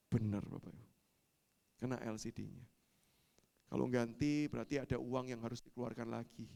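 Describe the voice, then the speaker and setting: A man preaching as a pastor, telling a personal story with dramatic swings from hushed to loud. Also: medium pitch, vocal fry, clean tone. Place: church sanctuary. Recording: long reverb of a church hall.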